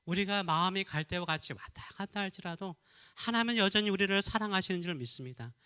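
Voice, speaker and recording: A man's voice: high-pitched, quick pace, bright, forceful tone, clear, resonant tone. A middle-aged man from Korea preaching as a pastor, asking the congregation questions and answering them himself. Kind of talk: sermon.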